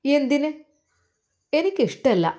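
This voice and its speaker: A woman voicing a proud, sulky young woman who answers curtly and defiantly in a high voice. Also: very animated, slow, mellow, exaggerated voice.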